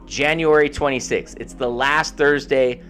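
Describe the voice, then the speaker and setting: A man hosting a live gaming stream in casual chat, giving upbeat shout-outs to viewers. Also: mid-range voice, fairly even intonation, measured pace, slight background noise.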